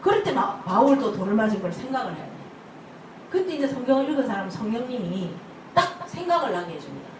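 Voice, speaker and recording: An older woman pastor, preaching an animated sermon full of stories, acting out church members' voices and laughing often. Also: fairly high pitch, fast. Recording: echoey hall from far off, noisy ambience.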